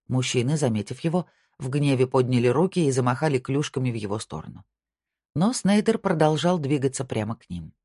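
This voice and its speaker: A man narrating a crime novel in a steady reading voice, giving the dialogue small shifts. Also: medium pitch, dry recording, clean studio sound. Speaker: audiobook narrator. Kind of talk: scripted narration.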